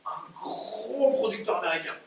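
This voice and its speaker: A man's voice: high voice, lively intonation, normal speed. An actor playing a naive, clumsy, eager man in a stage play, hesitant and easily confused, recorded from far off in a very roomy theatre. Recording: very roomy stage audio from far off, faint noise.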